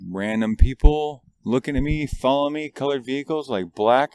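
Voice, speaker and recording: A veteran from Montana telling his story haltingly, with many likes and restarts, outdoors in a parking lot. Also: medium pitch, a little mellow, smooth, no room sound. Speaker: guest, army veteran. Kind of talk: casual storytelling.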